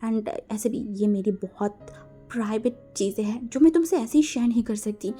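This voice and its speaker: A woman's voice: fairly high pitch, moderate pace, warm tone, faint music behind, close to an everyday voice. A woman doing a flustered, stammering young man. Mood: teasing. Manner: stammering, pleading and teasing.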